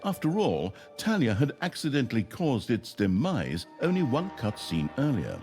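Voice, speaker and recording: A man with a mid-range voice narrates a comedic fantasy game story at normal speed, in a theatrical, mock-grand storyteller style with wry delivery and huge pitch swings. Music plays under his voice.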